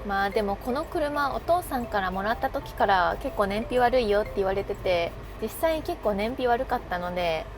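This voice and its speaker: A woman chatting casually through a travel vlog, playful and quick with self-deprecating jokes while she walks around sightseeing. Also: medium pitch. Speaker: travel vlogger. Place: out and about sightseeing in a city. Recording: background music under voice.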